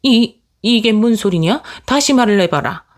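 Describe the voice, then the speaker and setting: A woman's voice: a little high, lively intonation, normal speed, close to an everyday voice. A woman voicing a bossy older mother-in-law who scolds in an exasperated, old-fashioned way. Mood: confused.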